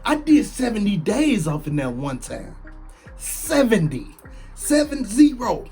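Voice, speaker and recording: A man in his late thirties, a former prisoner, telling his story in casual, animated talk, full of slang and repeating lines for emphasis. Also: high voice, unhurried, soft background music. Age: late 30s.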